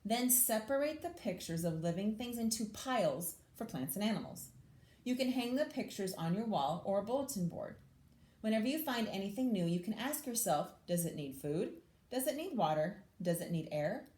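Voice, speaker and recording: This English teacher, a woman with a medium-pitched voice, reads a picture book to young children in a reverberant room, mixing the story's lines with informal explanations and frequent questions for them. She speaks at a normal speed with a sing-song lilt and a dark tone.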